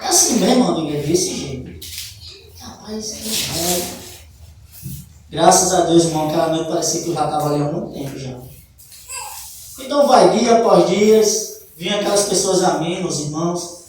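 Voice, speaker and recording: A man's voice: high-pitched, lively intonation, moderate pace, long pauses, darkish tone, distant mic. A Brazilian man gives a fervent church testimony, often turning to his listeners as brothers. His voice rings through a very reverberant hall, caught from well back from the mic, with a faint hiss of noise underneath. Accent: Brazilian Portuguese. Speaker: church member giving testimony.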